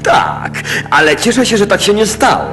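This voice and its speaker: An actor playing a gloating, pompous megalomaniac villain in a cartoon dub, with theatrical delivery. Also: male voice, sits high, wildly swooping pitch, normal speed, sharp tone, full character voice. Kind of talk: animated cartoon dub acting. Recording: clear music bed under voice.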